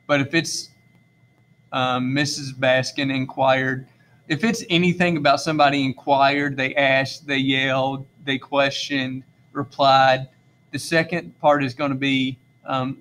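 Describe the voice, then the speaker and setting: A man's voice: mid-range voice, a bit bright, slight background noise. A male teacher, talking through a screen-recorded classroom lesson in a casual, rambling way with many fillers and self-corrections.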